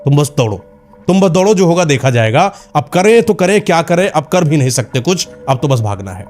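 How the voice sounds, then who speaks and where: A man's voice: on the high side, big pitch swings, brisk, faint music behind, voice pushed up. A man voicing a desperate young man in love, in a horror story. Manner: distraught, forceful.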